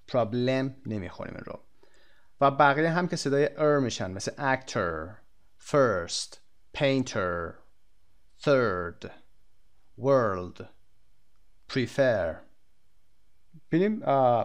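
Man, Persian accent, English teacher recording a textbook lesson, mid-range voice, careful spelled-out delivery. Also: mid-range voice. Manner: switches between explanation and slow, deliberate English model sentences.

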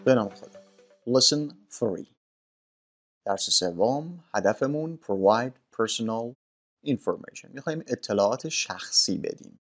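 A man teaching a recorded English lesson in a slow, formal, explanatory way. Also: mid-range voice, lively intonation, a bit bright, soft background music.

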